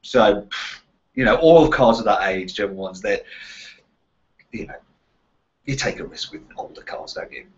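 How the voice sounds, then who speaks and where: A man's voice: lowish voice, expressive, measured pace, long pauses. A British man presenting a casual car question-and-answer chat in a chatty, bantering way. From Walsall, West Midlands of England. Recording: slightly dull, lo-fi sound.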